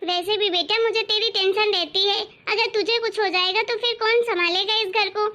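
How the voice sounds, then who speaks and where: In a family cartoon, a woman voices a doting old mother-in-law who fusses and scolds out of love. The voice is very high and bright, almost girlish, and insistent. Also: fairly even intonation, normal speed. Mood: caring scolding. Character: loving elderly mother-in-law, doting and firm. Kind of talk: cartoon story voice acting.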